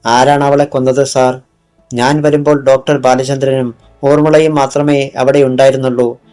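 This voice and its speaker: Man reading as a slick doctor, calm polite denials, mid pitch, light music under. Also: moderate pace, smooth, close to an everyday voice. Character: smooth, evasive male hospital doctor.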